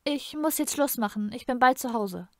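A woman's voice: a little high, moderate pace, darkish tone, no room sound, clean studio sound, lightly acted. A woman reading aloud and voicing a proud, defiant mother who is a guardian, firm in her answers. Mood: tender, hurried.

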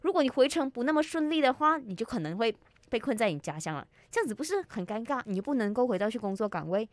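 A woman's voice: fairly high pitch, big pitch swings, fast, dry recording. A woman co-hosting a radio news show, explaining the news in a chatty way with friendly asides. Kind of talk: conversational news discussion.

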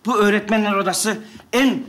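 A man's voice: high-pitched, fairly even intonation, normal speed, a bit bright. A man playing a school principal in a stage comedy sketch, pleading and bossy by turns.

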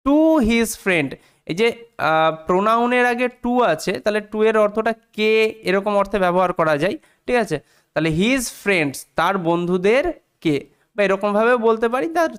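A man takes an English passage apart phrase by phrase, patient and methodical. His voice sits high, with a smooth, clear tone. He keeps checking that his students follow, and spells tricky words out letter by letter. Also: a bit bright. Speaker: English teacher. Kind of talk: explaining English sentences line by line.

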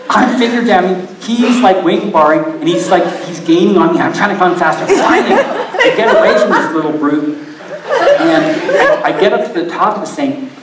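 An older man narrates slides in a loose, self-deprecating ramble, chuckling as he goes, his voice sitting a bit high. He's caught from a distance in an echoey hall, with clear noise behind him. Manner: rambling, self-deprecating, laughing through stories. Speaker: presenter at a climbing event. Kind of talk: live slideshow talk with anecdotes. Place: event hall with live audience. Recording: echoey hall audio from far off.

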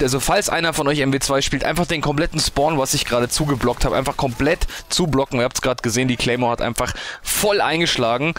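A man's voice: a little high, fairly bright tone, a little hiss or hum. A young German man giving casual gameplay commentary, swearing and ranting about the game. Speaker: gaming YouTuber.

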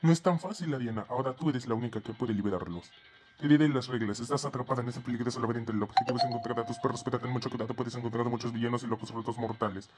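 A man's voice: medium pitch, steady tone, racing. Man rattling off game rules.

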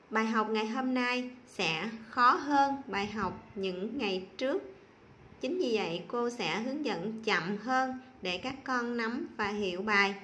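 A woman teacher giving a slow, patient spelling lesson to young children, repeating each sound clearly. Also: on the high side, fairly bright tone, echoey room, a little hiss or hum. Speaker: primary school teacher.

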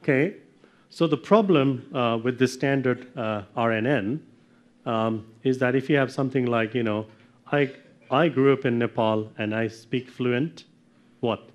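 A middle-aged man giving a technical lecture from slides, often checking in with "okay?" and clearing his throat. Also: mid-range voice, measured pace, dull audio. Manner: explanatory, checks in with frequent "okay?". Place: darkened lecture room with projector screen.

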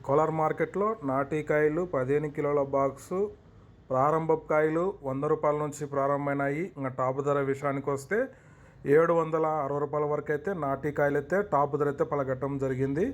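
Higher-pitched South Indian Telugu man reporting prices. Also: steady tone, brisk. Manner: repetitive, methodical listing of figures, switching into English for summaries. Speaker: channel host reporting market prices. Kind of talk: informational market price report with repeated formula phrases.

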